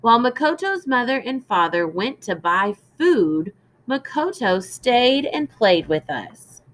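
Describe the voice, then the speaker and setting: Here a woman takes young children through a story lesson, reading aloud, explaining, and drawing them in with questions. She speaks deliberately and slowly phrase by phrase, with a lively, shifting pitch and a clear teaching tone.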